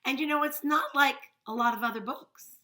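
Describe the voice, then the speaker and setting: A woman reading a silly picture book aloud to young children, with sing-song, drawn-out emphasis. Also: high voice, pushed and bright. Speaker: children's reader.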